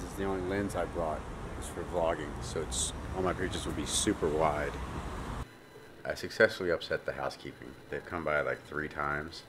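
Low-voiced man vlogging, rambling and relaxed. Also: noisy background. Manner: rambling, relaxed, many ums. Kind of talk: casual self-filmed vlog. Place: hotel room and parked car. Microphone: handheld action camera at arm's length.

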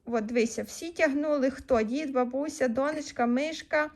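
A young mother giving her small child a patient reading lesson at home, sounding out syllables slowly. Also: sits high, gravelly, a little mellow.

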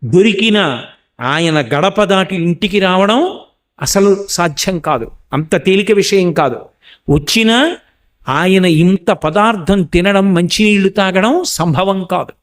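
A man giving a devotional sermon, slowly chanting Sanskrit verses and explaining them earnestly through a story. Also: high voice, lively intonation. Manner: earnest, emphatic preaching. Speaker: religious discourse speaker.

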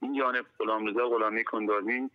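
A man from Iran leaving a voice message over a prison phone line, reading a formal statement in a solemn, measured way. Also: on the low side, fairly even intonation. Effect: voice message left over a prison phone line. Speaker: imprisoned teacher making a statement.

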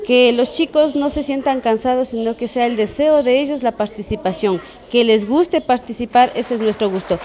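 A woman's voice: fairly high pitch, a little mellow. A woman answering interview questions as a school coordinator into a handheld microphone indoors. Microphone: handheld reporter microphone. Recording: clear background room noise.

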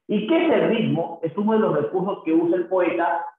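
Teacher on a thin, echoey line. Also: male voice, high-pitched, brisk. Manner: checks in with tag questions, recites verses in a sing-song drawl. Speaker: literature teacher. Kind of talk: classroom lecture. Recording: very echoey, phone-like thin sound.

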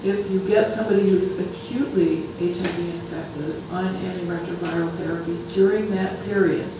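A speaker presenting data at a health planning council meeting, often restarting sentences. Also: medium pitch. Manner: halting, many restarts. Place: large meeting room. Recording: echoey room from far off, noisy.

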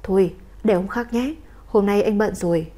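Woman reading as a stern male crime boss, calm and clipped, mellow low-toned voice, audiobook story. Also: moderate pace, natural voice. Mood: gentle.

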